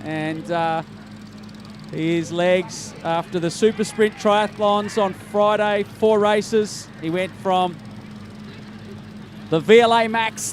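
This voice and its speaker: High-voiced race commentator. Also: male voice, slight background noise. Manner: upbeat, calls names and results, says mate often. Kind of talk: live sports commentary. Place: outdoor race finish area.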